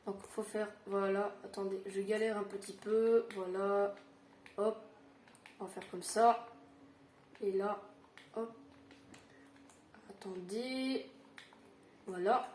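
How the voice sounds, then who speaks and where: A tired woman giving a casual Minecraft building tutorial, halting with fillers and self-corrections. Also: medium pitch, steady tone, a little mellow, roomy sound, a little hiss or hum.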